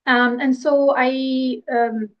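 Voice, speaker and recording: This woman from Morocco, a scientist in her thirties, talks very slowly as a guest on a podcast, in conversational interview style. Her high-pitched, steady voice comes through dull audio, and she hesitates often, restarting and using fillers.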